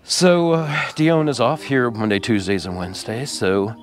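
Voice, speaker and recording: A man vlogging from his RV, talking tearfully and haltingly with many pauses and fillers. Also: mid-range voice, expressive. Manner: rambling, halting, with many ums and uhs. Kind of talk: casual vlog talk to camera.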